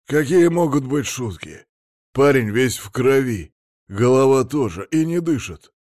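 Man doing a hoarse security chief. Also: medium pitch, animated, a little slow, darkish tone, no room sound, studio quality, pitched above the performer's own voice, lightly acted. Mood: urgent. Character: hoarse male club security chief, blunt.

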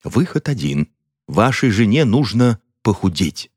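A man's voice: deep voice, very animated, normal speed, dry recording, studio quality. A man reading an audiobook voices a woman who runs a beauty institute, speaking decisively. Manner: decisive, businesslike.

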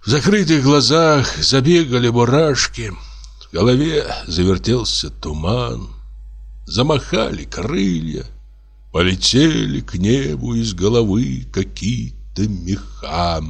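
Brief: husky male audiobook reader, slow and lively in pitch, expressive literary narration. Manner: expressive, acts out the narrator's own outbursts.

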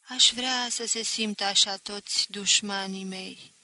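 A woman reading an audiobook voices a dying old uncle, tired, wry and bitter, speaking slowly. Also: mid-range voice, fairly even intonation, bright, forceful tone, no echo. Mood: weary.

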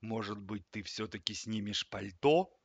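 Big strict fridge, lecturing, low and slow, a guy doing the voice. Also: steady tone, dry recording. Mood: stern. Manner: stern, lecturing. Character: grumpy stern male fridge, large.

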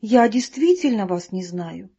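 A woman's voice: medium pitch, animated, a little slow, mellow, husky. A woman voicing a timid, polite young female bee who is eager to please. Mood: apologetic. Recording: dull lo-fi recording.

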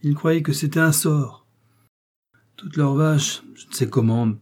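A man voicing a coarse, bustling older country priest who talks loudly and jovially. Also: fairly high pitch, a little slow, voice pushed up. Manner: loud, jovial, scolding.

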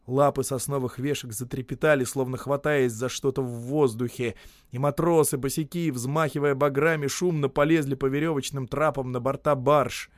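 A man giving a measured, scripted reading of a literary story. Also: mid-range voice, fairly even intonation, no echo, studio quality. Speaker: narrator.

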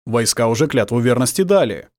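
A male audiobook reader voicing a calm, weary middle-aged prince who speaks in a measured way. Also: medium pitch, dry recording, clean studio sound, natural voice. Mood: grave. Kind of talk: audiobook character voice.

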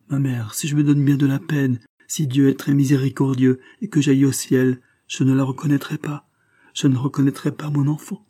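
A man's voice: mid-range voice, warm tone, slightly rough. A man reading the part of a remorseful young woman broken by grief, in an anguished, pleading voice.

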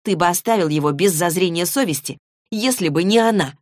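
A woman's voice: on the low side, fairly quick, a little mellow, no echo, close to an everyday voice. A haughty young woman whose words drip with venom, read by a woman in an audiobook. The voice is raised and pointed. The sound is dry and close. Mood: spiteful.

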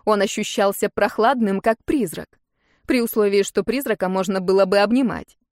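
A woman narrating a first-person fantasy audiobook in an expressive, lively storytelling manner. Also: medium pitch, normal speed, no echo, clean studio sound.

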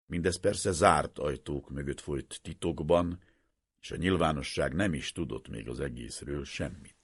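A man reading a novel aloud as an audiobook, with measured, dramatic storytelling. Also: extremely low pitch, breathy edge, no room sound, studio quality. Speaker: audiobook narrator.

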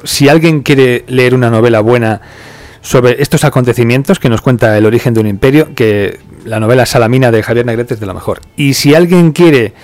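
A man's voice: medium pitch, no echo. A man from hosting a casual podcast, chatting about a film and reading out listener comments. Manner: relaxed, chatty, laughs and swears now and then. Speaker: podcast host.

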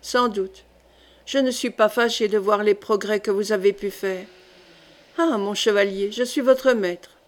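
A woman reading the part of a gruff older male jailer in an audiobook, speaking slowly and with quiet irony. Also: medium pitch, fairly even intonation, close to an everyday voice. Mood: calm ironic.

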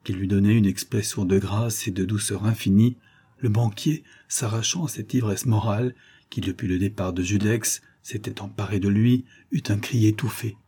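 A man reads a classic novel aloud in an expressive, dramatic audiobook narration. His voice sits low, with a dark, mellow warmth and a husky grain. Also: moderate pace.

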